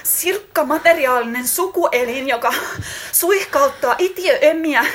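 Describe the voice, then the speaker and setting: A woman's voice: mid-range voice, lightly acted. A woman voicing a wistful wife reading a letter to her husband in a radio drama monologue, intimate and reflective. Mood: heightened. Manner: intimate, reflective, growing more heightened and excited.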